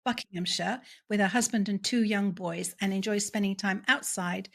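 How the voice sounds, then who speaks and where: A woman's voice: medium pitch, fairly even intonation, moderate pace, creaky. A woman hosting a podcast interview, chatty and enthusiastic, with a self-deprecating humour. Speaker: podcast host.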